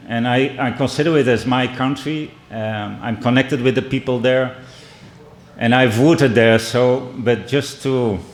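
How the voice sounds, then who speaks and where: A middle-aged man from the Netherlands with a Dutch and Brazilian accent, giving a measured keynote speech and telling stories, often pausing and restarting. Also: mid-range voice. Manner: measured, with frequent restarts and pauses. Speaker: keynote speaker. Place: indoor conference hall. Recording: echoey hall.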